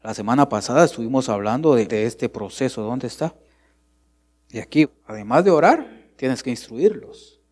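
A man's voice: medium pitch, animated, normal speed, a little mellow, breathy edge. A middle-aged man with a Guatemalan accent preaching a sermon, emphatic and often calling his listeners brother. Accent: Guatemalan Spanish.

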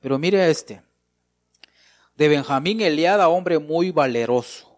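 Male preacher, fairly high voice, emphatic sermon delivery with repeated phrases, dry recording. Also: lively intonation, unhurried, dry recording. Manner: emphatic, repeats phrases, addresses congregation as brother.

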